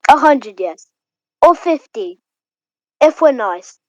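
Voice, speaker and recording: High-pitched woman co-host, pushy, repeats lines; dry, dull lo-fi sound. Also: lively intonation, slow, no echo. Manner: insistent, repeats herself. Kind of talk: casual reaction chat.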